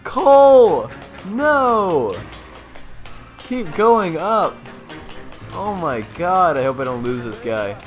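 A gamer's high voice swings widely in pitch as he talks extremely slowly, pausing often, through a video game walkthrough. His commentary is casual, slangy and playful, with exclamations and some swearing, over game music and vehicle sounds.

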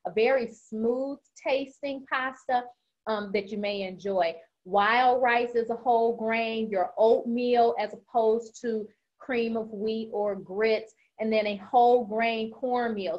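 Woman dietitian giving a casual nutrition talk, kinda high voice, lots of ums, muffled video call sound. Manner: chatty, many "um" fillers, says she is talking fast. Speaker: registered dietitian presenter. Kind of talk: informal nutrition presentation. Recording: slightly dull lo-fi online meeting audio.

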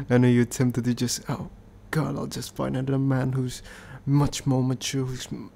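A man's voice: medium pitch, fairly even intonation, a little slow, vocal fry, mellow, a little hiss or hum. A British man doing an ASMR role-play as a needy, clingy, playful boyfriend, speaking in an intimate, affectionate, pleading way. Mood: teasing, clingy.

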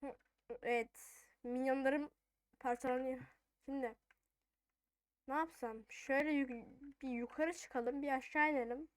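A female gaming host with a noticeably high, smooth voice. She comments on her game casually, thinking out loud in informal speech. The sound is close and dry. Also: steady tone, a little slow, pauses often, no echo.

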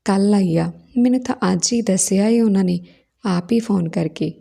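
A woman's voice: medium pitch, moderate pace, vocal fry, warm tone. A woman voicing a playful young man who teases his sister-in-law, in a storybook reading. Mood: teasing. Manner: teasing, playful.

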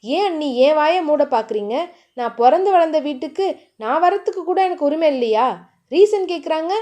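A woman's voice: sits high, normal speed, a little mellow, natural voice. A woman doing a defiant young wife. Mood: indignant. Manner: indignant, tearful pleading.

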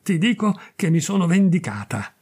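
A man reading aloud voices Irma, a sick young woman who is vengeful and clinging and speaks in a breathless, husky way. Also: high voice, big pitch swings, moderate pace, a little mellow, voice pushed up, full character voice. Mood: vindictive. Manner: breathless, pleading then fierce. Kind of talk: audiobook reading of a classic tale.

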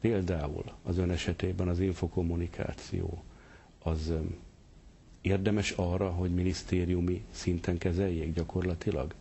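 A man's voice: sits low, level tone, creaky, mellow, slightly rough. A man interviewing a guest on television, asking pointed, skeptical questions. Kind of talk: probing TV interview.

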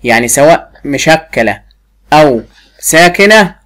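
A woman teacher with an Egyptian Arabic accent, giving a first-grade lesson and drilling a pupil with repeated questions while drawing words out slowly. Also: low-pitched, expressive, fairly bright tone. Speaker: primary school teacher.

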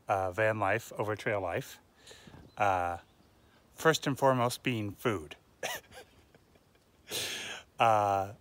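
A man's voice: lowish voice, a bit bright. A man in his thirties talking casually to a phone held at arm's length while hiking on a wooded trail, reflective and full of fillers. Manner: chatty, reflective, with many "uh" fillers. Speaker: vlogger. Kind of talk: casual selfie vlog. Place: outdoors on a wooded mountain trail.

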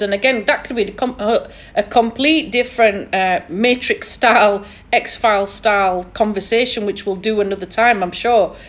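A woman's voice: medium pitch, fairly bright tone. A woman with a thick Yorkshire accent, hosting a casual interview in a chatty, opinionated, emphatic way. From England. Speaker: podcast host.

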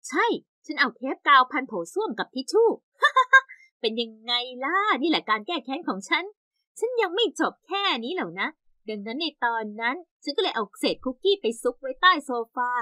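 A young woman narrating an animated story in the first person with lively, exaggerated storytelling. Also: sits high, a little fast, no echo, studio quality.

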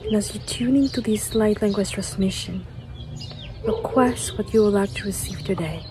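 A middle-aged woman leading a guided meditation in a slow, gentle, soothing manner, with repeated phrases and chanted invented syllables. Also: mid-range voice. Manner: slow, gentle, soothing, with repetition and long pauses. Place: outdoors in a garden among trees. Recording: outdoor ambient noise with chirping birds.

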